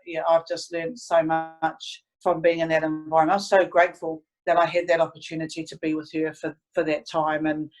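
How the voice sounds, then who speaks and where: A woman's voice: low voice, flat delivery, normal speed, hardly any pauses, rough recording. A woman, reflecting earnestly and hesitantly as she tells stories in a casual interview. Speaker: interviewee, sports team staff member.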